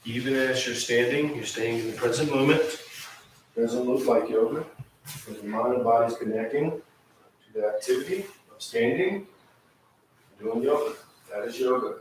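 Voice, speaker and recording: A man's voice: medium pitch, normal speed. A man guiding yoga and meditation as an instructor, speaking in short, spaced-out instructional phrases. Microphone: distant microphone. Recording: echoey room, distant mic, faint noise.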